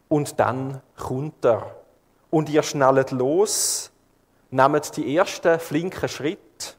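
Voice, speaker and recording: Slow Swiss German preacher, echoey hall. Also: male voice, mid-range voice. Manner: calm, measured, vivid storytelling. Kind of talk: sermon.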